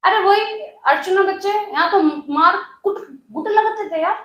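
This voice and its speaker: High-voiced chatty woman teacher. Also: normal speed, a bit bright, echoey room. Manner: chatty, addresses students as children, tells personal stories. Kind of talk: online exam-prep lesson.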